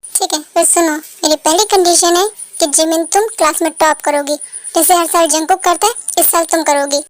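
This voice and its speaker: A woman's voice: extremely high pitch, fairly even intonation, moderate pace. A woman playing a hurt, demanding father. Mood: stern. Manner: stern, reproachful. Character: strict father of two teens, hurt and demanding. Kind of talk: Hindi fan dub.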